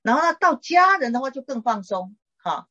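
A middle-aged woman, a pastor's wife, gently teaching and counseling a caller in a chatty way with small laughs. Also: sits high, very animated, moderate pace, muffled recording. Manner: warm conversational teaching, frequent "哈" tags and laughs.

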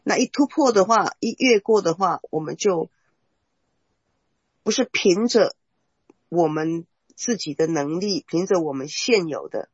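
Husky, dry-sounding Bible teacher. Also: mid-range voice, dry recording, lo-fi sound. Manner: measured explaining, frequent murmured agreement. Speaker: Bible teacher leading the talk. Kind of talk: casual faith discussion.

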